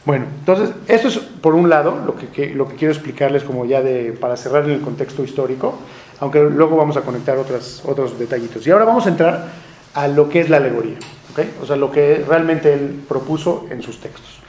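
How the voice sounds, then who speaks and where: A man's voice: fairly high pitch, fairly quick, a little mellow. A male teacher giving a classroom lecture, explaining step by step and checking in with the class through frequent rhetorical questions. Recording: roomy classroom echo.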